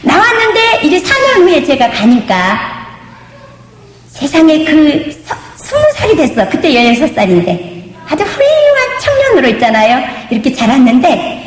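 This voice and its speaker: Woman pastor giving a testimony sermon in a church, high voice, big echoey hall sound, half-sings some phrases. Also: huge pitch swings, normal speed. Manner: emphatic preaching, asks the congregation "do you believe?"; drifts into sung intonation. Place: church sanctuary.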